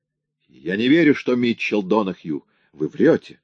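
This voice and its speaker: A man's voice: low voice, measured pace, breathy edge, no echo, lo-fi sound, exaggerated voice. Man doing a huge, desperate, hot-tempered father. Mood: furious. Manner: pleading and bursting with anger.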